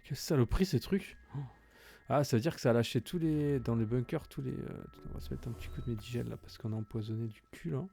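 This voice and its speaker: A man's voice: medium pitch, fast, vocal fry, mellow. A man giving casual, swearing commentary while playing a video game, thinking aloud and praising himself. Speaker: gaming YouTuber. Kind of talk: casual let's-play commentary.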